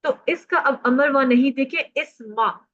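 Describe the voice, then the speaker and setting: A woman teacher leads students through verb tables and calls on them to recite. She prompts answers and praises correct replies, speaking with a fairly high voice. The audio is muffled and lo-fi. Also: unhurried, a bit bright. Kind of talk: classroom lesson on Arabic grammar.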